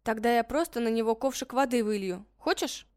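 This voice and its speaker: A man's voice: very high-pitched, a little fast, darkish tone, smooth, dry recording, studio quality, voice pushed up. A man voicing a protective, feisty teenage sister in an audiobook, coaxing and bossy by turns. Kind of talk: audiobook character voice.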